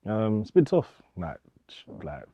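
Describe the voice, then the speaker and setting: Being interviewed casually for a documentary, a young male DJ talks in a slangy, informal way and repeats himself. His husky voice is on the low side, unhurried, with pitch that swoops wildly, and the audio is dull.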